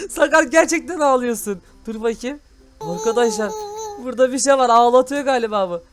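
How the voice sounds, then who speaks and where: A man hosting excited gameplay commentary, full of loud exclamations. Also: extremely high pitch, moderate pace, over music. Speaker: gaming host.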